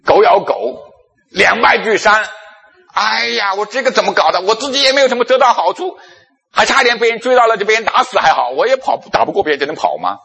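A man preaching a sermon, telling stories from his own life and acting out his past self in animated bursts. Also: high voice, quick pace, gravelly, breathy edge. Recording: long echo of a large hall.

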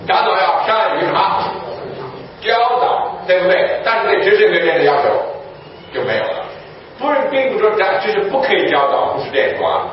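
A man delivers a sermon in a fairly high voice, teaching his listeners through rhetorical questions that he answers himself. He sounds distant from the mic, in a very echoey room. The recording is dull and lo-fi, with a faint hum of room ambience underneath. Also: expressive, a little fast. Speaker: preacher.

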